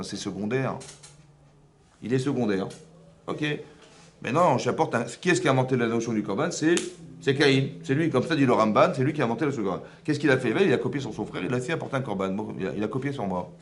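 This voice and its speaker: A man teaching a religious class, animated, asking many rhetorical questions. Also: mid-range voice, quick pace, slight background noise. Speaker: rabbi teaching a women's class. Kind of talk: religious lecture.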